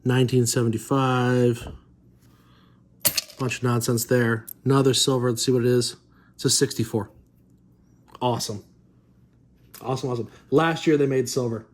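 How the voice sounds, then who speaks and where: A coin roll hunting vlogger sorts coins while addressing his viewers directly, stammering and repeating words in amazement. His voice is mid-range with fairly even intonation, and he speaks at a moderate pace, pausing often.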